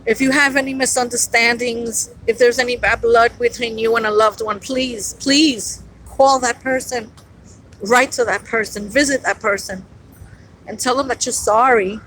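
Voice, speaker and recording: A woman's voice: fairly high pitch, steady tone, normal speed, a bit bright, a little hiss or hum, poor audio. A woman vlogging outdoors on a city street, speaking earnestly and pleading, repeating herself for emphasis. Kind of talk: on-location vlog address.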